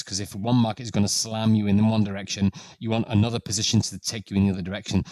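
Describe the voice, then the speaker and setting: Low-voiced man hosting a trading stream. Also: darkish tone, no echo. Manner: reads dramatic passages with rising pitch and force, then comments plainly. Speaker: host of a trading firm's live stream. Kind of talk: live stream commentary, reading viewer stories aloud.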